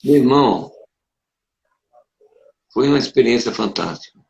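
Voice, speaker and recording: A man, a Brazilian pastor, telling his conversion story in a casual conversation, animated and emotional, with sudden leaps up in pitch. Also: a little slow, gravelly. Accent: Brazilian Portuguese. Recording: dull roomy sound.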